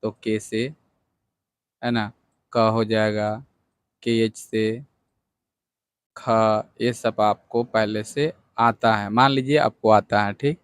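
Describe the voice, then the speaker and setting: A man's voice: lowish voice, fairly even intonation, slow pace, pauses often, clear, resonant tone, dry recording, studio quality. A male teacher giving a patient lesson at a board, going over each point again and checking that the class follows. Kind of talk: whiteboard lesson.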